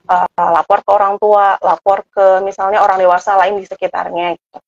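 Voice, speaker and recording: A woman speaks as a parenting guest in a relaxed, conversational way, often pausing on filler sounds. Her voice sits at a middle pitch. The recording is dull and dry. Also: gravelly, dry recording. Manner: relaxed, full of "eh" fillers and "gitu" tags. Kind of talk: conversational interview explanation.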